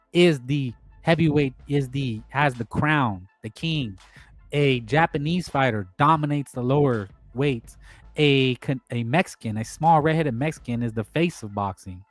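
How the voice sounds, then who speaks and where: A man's voice: medium pitch, dry recording. A man hosting a boxing talk show, giving his opinions in a rambling, emphatic way and often repeating himself. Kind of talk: casual opinion monologue.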